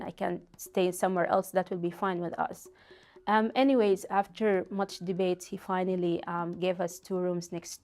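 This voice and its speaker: A woman, giving a halting, reflective personal testimony. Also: fairly low pitch, darkish tone. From Sudan. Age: 30s. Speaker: interviewee telling her story.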